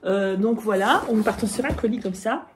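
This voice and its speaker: A woman vlogging an unboxing in a casual chat, bubbly and excitable, often breaking into giggles. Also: medium pitch, normal speed, background noise.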